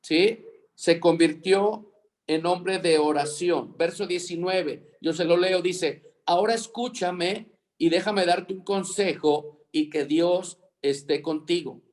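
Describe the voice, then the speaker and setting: A man's voice: sits high, slow, darkish tone. A man teaching a Bible leadership lesson over a video call, dictating words for students to fill in and repeating them.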